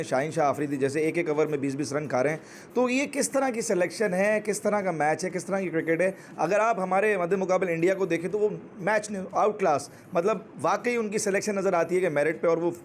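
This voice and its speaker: A man's voice: a little high, brisk, slight background noise. A man speaking Urdu with a Pakistani accent, a critical cricket analyst on a studio panel. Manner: critical, listing players.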